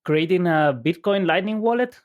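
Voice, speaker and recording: A man from El Salvador, a podcast guest, chatting in a relaxed way with frequent fillers and easy laughs. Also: high voice, a little slow. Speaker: podcast guest, innovation agency CEO. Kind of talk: casual interview chat.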